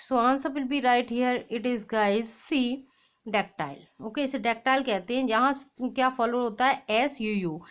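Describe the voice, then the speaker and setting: Reading quiz questions aloud for exam prep, this high-voiced woman English teacher takes the English question at a slow pace. Her explanation that follows comes quickly, in a blend of Hindi and English.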